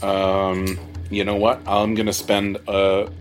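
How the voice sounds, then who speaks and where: Low-voiced man playing a tabletop game. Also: monotone, slow, soft background music. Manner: thinking aloud, deliberating. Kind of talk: casual game chat.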